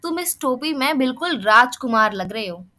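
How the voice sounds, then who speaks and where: A woman's voice: high-pitched, expressive, normal speed, pushed and bright. A woman voicing a proud, commanding male king in a children's storybook tale.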